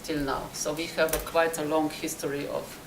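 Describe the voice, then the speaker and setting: A woman presenting at a conference, answering audience questions in halting, word-searching speech. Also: deep voice, flat delivery. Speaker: presenting city official. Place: conference hall. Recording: roomy hall with clear noise.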